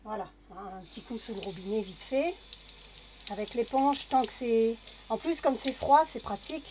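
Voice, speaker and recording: A woman's voice: a little high, moderate pace, darkish tone, slight background noise. A woman casually talking through a kitchen demonstration, narrating each step with little fillers. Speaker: home cooking vlogger. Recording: dull lo-fi home recording.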